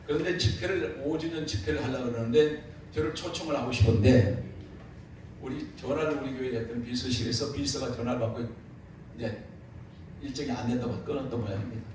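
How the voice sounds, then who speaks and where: A man's voice: mid-range voice, brisk. A man preaching at a revival meeting, telling funny stories and laughing as he goes. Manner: animated, laughing through his anecdotes. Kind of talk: humorous revival sermon storytelling. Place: church sanctuary. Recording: echoey church hall, distant mic, room noise.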